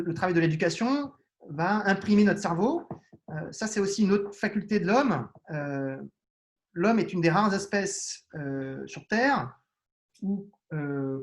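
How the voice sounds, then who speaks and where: A man with children answering interview questions on neuroscience, explaining patiently with frequent restarts and hesitations. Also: high-pitched. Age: adult with children. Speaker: neuroscience guest.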